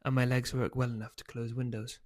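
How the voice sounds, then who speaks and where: A croaking old witch, sinister and spiteful, voiced by a man who reads her in terse, hushed replies. Her menace comes through in how little she says. She is a villain in a storybook. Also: mid-range voice, little pitch movement, brisk, dry recording, clean studio sound, natural voice. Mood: curt, menacing.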